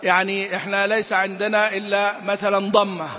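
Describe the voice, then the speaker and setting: High-voiced man teaching Quran recitation. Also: flat delivery. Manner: demonstrates sounds by chanting, then corrects with quick asides; quizzes listeners with short questions. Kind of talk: tajweed lesson. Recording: roomy reverb, dull lo-fi sound.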